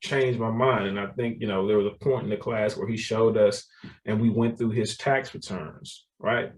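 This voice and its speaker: A man's voice: fairly low pitch, steady tone, moderate pace, recorded from a distance. A man, telling his story as a guest in a casual interview, laughing often and repeating words. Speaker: guest, real estate developer.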